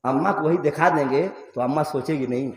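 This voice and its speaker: Preacher with a Bhojpuri lilt, echoing hall. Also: male voice, fairly high pitch, a little fast. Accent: Bhojpuri-influenced Hindi. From eastern Uttar Pradesh, India. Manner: emotional storytelling, asks the audience questions. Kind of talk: religious sermon at a public gathering. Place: mosque gathering with a PA system. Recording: reverberant hall through a PA.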